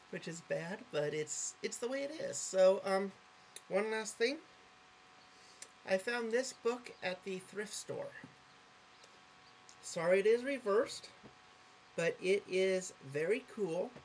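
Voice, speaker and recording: A woman's voice: lowish voice, slight background noise, rough recording. Rambling, earnest woman vlogger. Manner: rambling, self-correcting, easily sidetracked; earnest and openly affectionate. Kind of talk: casual vlog monologue.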